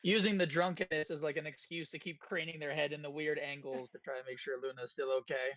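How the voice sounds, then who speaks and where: A player in a tabletop game, giggly and animated. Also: medium pitch, quick pace, no echo, dull audio. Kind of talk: tabletop role-play chat.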